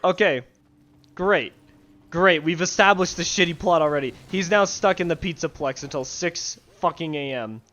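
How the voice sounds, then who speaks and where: A man's voice: a little high, fairly quick, hardly any pauses, a bit bright, dull audio. A young man ranting casually about games he dislikes, profane, rambling and sarcastic, recorded on a headset mic in his bedroom. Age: young adult. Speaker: gaming video ranter. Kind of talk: casual rant to camera.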